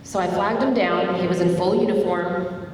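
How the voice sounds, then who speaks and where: A middle-aged woman with a fairly low voice and normal pace tells her personal story at a community dialogue event held in a hall. Based in Tulsa, Oklahoma, with Turkish as her first language, she chats conversationally and turns animated recounting events. The distant mic catches hall echo and faint background noise.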